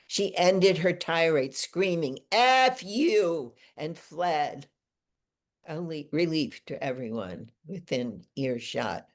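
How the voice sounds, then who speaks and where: A woman, the featured poet, reading her own poetry aloud in a measured, deliberate way. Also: low voice, lively intonation. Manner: slow, deliberate, measured delivery.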